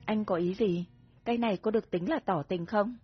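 Romance audiobook: woman voicing a shy, playful young heroine, husky voice, soft music. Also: mid-range voice, fairly quick. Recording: dull recording with soft music.

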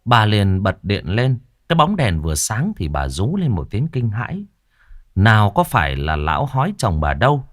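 A man narrating a comic folk tale in a lively, animated storytelling manner. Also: on the low side, moderate pace.

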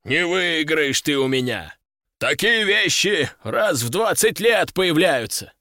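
A man's voice: big pitch swings, takes it slowly, pushed and bright, dry recording, clean studio sound, heavily acted. A man voicing an indignant nobleman who blusters and shrieks over the bidding, in an audiobook reading. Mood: blustering. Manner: shrill, blustering. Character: indignant older nobleman with big sideburns.

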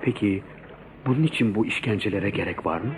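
A man's voice: fairly low pitch, animated, a little fast, slight background noise, natural voice. A man playing a young, impatient son who doubts and questions his father in a radio drama. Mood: skeptical, insistent.

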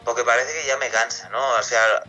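A man's voice: medium pitch, fairly even intonation, fairly quick, bright, forceful tone, dull audio, faint music behind. A man from Castilla-La Mancha, a singer being interviewed on radio, answering at length in a casual, rambling way with many restarts. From Castilla-La Mancha, Spain.

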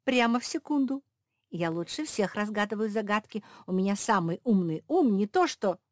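A woman voicing the youngest little female pug, boastful and impatient, who shouts and bosses the others. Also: medium pitch, a little slow, no room sound, clean studio sound, pitched above the performer's own voice. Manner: excited, bossy shouting.

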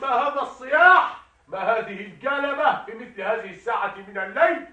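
A man acting a fussy, panicky judge in a stage comedy, shrill and fretful. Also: expressive, a little fast, pushed and bright, full character voice. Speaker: stage actor.

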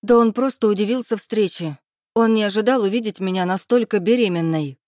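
Male reader doing a fiery pregnant wife, raised voice, sharp angry outbursts, dry booth. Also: medium pitch, a little fast, dry recording, pitched above the performer's own voice, close to an everyday voice. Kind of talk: audiobook character voice.

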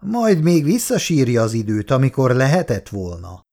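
A man voicing a demoted male office clerk who mocks a woman with smug, sneering scorn, in a gravelly voice that swings widely in pitch. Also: wildly swooping pitch, warm tone. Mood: mocking. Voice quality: mocking, smug.

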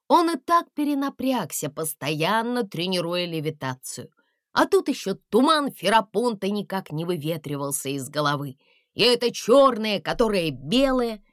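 A woman's voice: mid-range voice, no room sound, clean studio sound. A woman narrating a fairy tale expressively as an audiobook reader.

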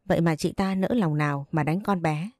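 A woman narrates a first-person story in a steady, plain reading voice. Her tone is low and mellow, and the recording is close and dry with no room sound. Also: a little fast, no echo.

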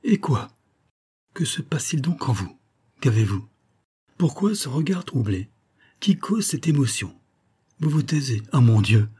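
A man's voice: medium pitch, very animated, a little slow, pauses often, warm tone, slightly rough, heavily acted. A man voicing a frank, fatherly older baron who speaks earnestly and cordially. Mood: bewildered.

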